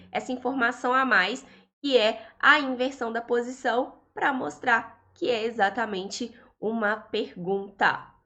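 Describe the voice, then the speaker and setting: Slow, patient Brazilian woman teacher. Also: on the high side, pushed and bright. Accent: Brazilian Portuguese. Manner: slow, patient explaining, stretching out English examples. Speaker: English teacher. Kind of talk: recorded online lesson.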